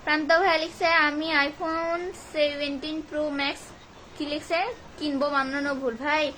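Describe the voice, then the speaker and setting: A woman's voice: high-pitched, little pitch movement, unhurried, pushed and bright, slight background noise. A woman chats informally on a live stream, reading out viewers' comments and answering them with casual grumbling. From Bogura district, Bangladesh. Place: at home during a storm and power cut.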